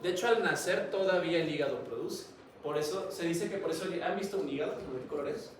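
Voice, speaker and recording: Talking quickly in a somewhat high voice, this man lectures a class in a chatty way, forever asking students questions. The room echoes, the microphone sits at a distance, and there is noise in the recording.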